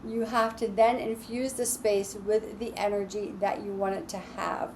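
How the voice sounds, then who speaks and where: A woman reading tarot cards alone, talking in a slow, soothing, reassuring way. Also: mid-range voice, little pitch movement, darkish tone, slight background noise, low-quality recording. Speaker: tarot reader. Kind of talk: relaxed solo tarot reading.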